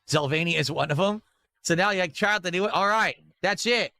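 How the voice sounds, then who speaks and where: Streamer guy just rambling, bright forceful voice, bit high, blunt and gushy. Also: fairly quick. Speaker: livestreamer. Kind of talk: casual livestream chat.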